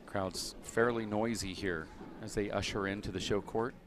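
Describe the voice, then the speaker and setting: A man's voice: fairly low pitch, fairly even intonation, normal speed, over music. A man doing live play-by-play commentary at a handball match, chatty and upbeat, trading banter with his co-commentators. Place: handball show court. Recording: noisy live event broadcast.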